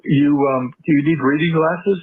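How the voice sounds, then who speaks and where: Husky man on a prison phone line. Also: a little high, moderate pace. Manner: questioning, plain-spoken, stumbles and repeats words. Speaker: parent on a call with his jailed son.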